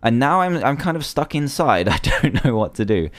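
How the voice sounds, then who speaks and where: A man's voice: mid-range voice, sing-song, moderate pace, no echo. A young man giving casual, chatty commentary while playing a survival game, often nervous and easily panicked. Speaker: gaming video creator.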